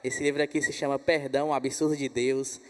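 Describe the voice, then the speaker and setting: A man with a Brazilian Portuguese accent hosting a church conference, then leading a gentle prayer that keeps repeating "Pai". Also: mid-range voice, little pitch movement, a little fast. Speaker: host. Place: church hall. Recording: reverberant hall.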